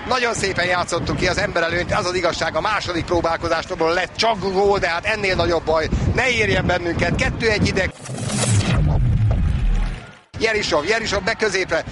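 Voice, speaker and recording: A man giving excited live sports commentary on the radio. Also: high-pitched. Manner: excited, drawn-out shouts on goals. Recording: noisy outdoor venue broadcast.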